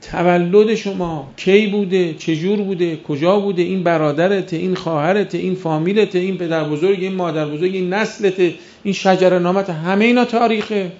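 A man's voice: sits high, fairly even intonation, a little mellow. A man preaching a sermon who keeps firing rhetorical questions at the audience and acts out the voices of imagined doubters. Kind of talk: religious sermon. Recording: dull lo-fi recording.

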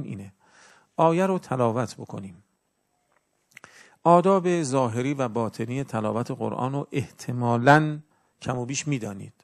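A man preaching a religious sermon in an earnest, instructive way, with his loudness swinging up and down. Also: mid-range voice, gravelly.

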